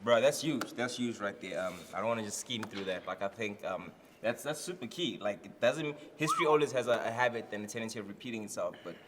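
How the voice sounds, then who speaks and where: A man's voice: lowish voice, fast talker, hardly any pauses. Slangy male host in a reverberant room. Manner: hyping, repeats phrases. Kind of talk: casual, slangy game-show hosting. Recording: reverberant room, faint noise.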